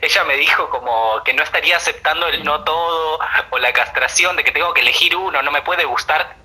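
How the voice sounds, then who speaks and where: A man speaks in a live online panel conversation. His voice is very bright and sharp, and he talks in an animated, ironic way, ready to laugh. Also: on the high side, a little fast, low-quality recording.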